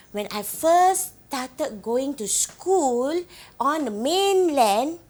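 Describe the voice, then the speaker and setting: An actress with a Singaporean accent, playing a young woman who fondly recalls her island village childhood, gently telling her story and asking the listener questions. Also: sits high, full character voice. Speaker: actor in a monologue. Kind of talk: theatrical storytelling monologue to the audience.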